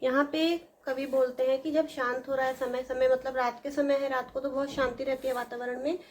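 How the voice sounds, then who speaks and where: A woman teacher who reads verse lines slowly and then explains them in plain talk to students. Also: sits high, little pitch movement, a little hiss or hum, rough recording. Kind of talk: explaining a Hindi poem to students.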